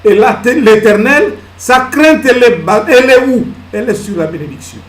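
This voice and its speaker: A male pastor preaching a sermon, swinging from loud emphatic peaks to hushed asides and answering his own questions. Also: very high-pitched, lively intonation, moderate pace. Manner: asks the congregation questions and answers them himself. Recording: echoey hall with faint ambience.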